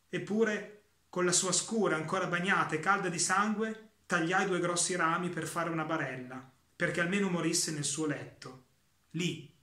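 A man reads a literary story aloud, calm and measured, dwelling on slow pauses. His voice is fairly high and bright, with a ringing edge. The room around him echoes noticeably. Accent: Italian. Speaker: reader of a short story.

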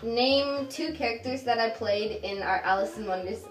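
A woman's voice: fairly high pitch, moderate pace. A young woman in her late teens chatting casually as the host of a challenge video. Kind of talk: casual chat. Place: small room at home, indoors. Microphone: camera a few feet away. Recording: echoey room, distant mic, faint music.

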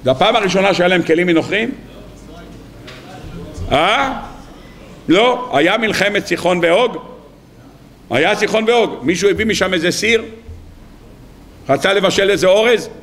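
A rabbi giving a lively sermon who fires rhetorical questions at his listeners and acts out quoted speech in a raised voice. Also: high voice, long pauses.

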